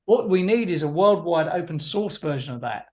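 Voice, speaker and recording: A middle-aged man hosting a podcast, chatting in a wry, relaxed, conversational way. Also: a little high, moderate pace. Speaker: podcast host.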